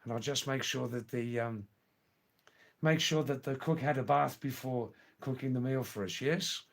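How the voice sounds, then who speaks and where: The speaker is an older man on a live stream, casually answering viewer comments in a slow, meandering way with frequent word repetition. His voice is creaky and medium in pitch.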